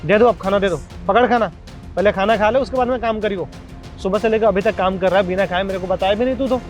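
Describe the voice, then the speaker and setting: A man's voice: high-pitched, quick pace, faint music behind, natural voice. A man playing a bossy but kind supervisor who scolds a worker into eating. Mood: scolding. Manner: scolding, persuasive. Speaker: actor in a comedy skit.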